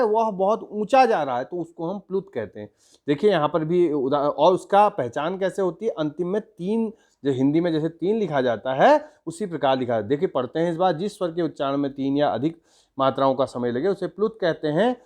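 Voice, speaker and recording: Slightly high-voiced male grammar teacher. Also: a little mellow. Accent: Uttarakhand Hindi. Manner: explains step by step, drawing out sounds and chanting examples. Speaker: school teacher. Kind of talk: grammar lesson for school students.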